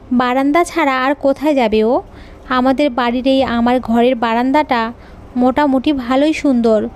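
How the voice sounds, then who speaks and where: A woman narrating a scripted audio story with a high, light voice. She tells it in the first person, calmly and at a measured pace.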